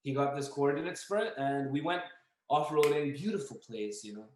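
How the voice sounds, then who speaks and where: A young man telling a story as a podcast guest, casual and animated, acting out the voices of the people in it. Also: a little high, brisk, a little hiss or hum. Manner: animated, acts out dialogue and yelling. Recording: echoey room.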